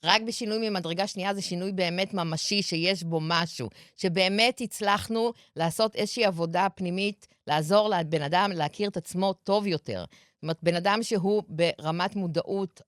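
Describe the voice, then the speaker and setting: A woman's voice: lowish voice, no echo, studio quality. A woman who works as a couples and family counselor talks on a podcast, explaining in a lecturing way and acting out what spouses say. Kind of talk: podcast conversation.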